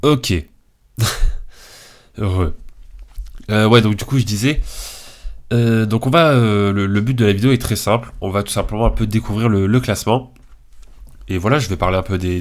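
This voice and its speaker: A young man with a head cold, giving hesitant, casual commentary on a ranking list, full of fillers and restarts. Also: fairly low pitch. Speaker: video creator.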